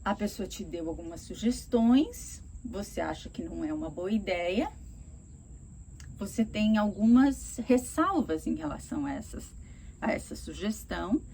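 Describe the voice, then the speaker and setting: A woman teaching English, explaining phrases and acting out examples, repeating each phrase slowly. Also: mid-range voice, warm tone, slight background noise. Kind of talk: explaining lesson.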